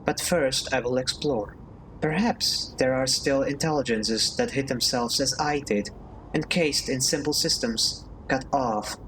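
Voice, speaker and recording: A man voicing a calm, curious station AI in a flat robotic manner while reading a game aloud. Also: mid-range voice, a little slow, a little hiss or hum, natural voice, rough recording. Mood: earnest. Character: calm male-voiced station AI, curious and formal.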